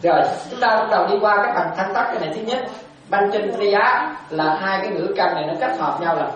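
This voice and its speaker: A woman's voice: mid-range voice, fairly quick. A woman, a Buddhist monastic teacher giving a dharma talk to lay followers. She questions her listeners often, repeats key phrases and laughs lightly. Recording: very echoey and distant, dull sound.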